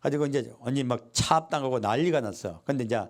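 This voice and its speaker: Speaking fast at a medium pitch, this man preaches as a pastor. His lively sermon is full of call-and-response questions he answers himself, along with quotes he acts out.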